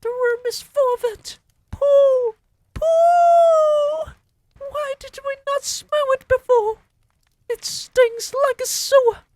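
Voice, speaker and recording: A man voicing a crowd of alarmed female witches in a piercing falsetto, reading a storybook aloud. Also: takes it slowly, a little mellow, a little hiss or hum. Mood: shrieking alarm. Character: shrieking, screeching chorus of female witches.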